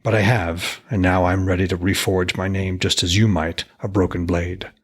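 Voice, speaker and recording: Storybook blind ex-jarl, played by a male narrator: low, husky, grave, terse and world-weary. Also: little pitch movement, normal speed. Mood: bitter, resolved. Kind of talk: dramatised reading of a myth tale.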